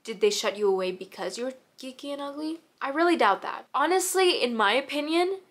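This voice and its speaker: High-voiced teenage girl giving casual advice. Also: expressive, brisk, fairly bright tone. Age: teens. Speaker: host reading viewers' confessions and giving advice. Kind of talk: casual advice chat and reading submissions aloud.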